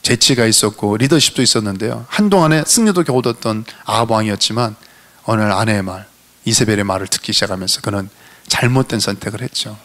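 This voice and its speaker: A male senior pastor preaching fervently, asking rhetorical questions and swinging between loud, high appeals and low, quiet asides in a church. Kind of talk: sermon. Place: church sanctuary.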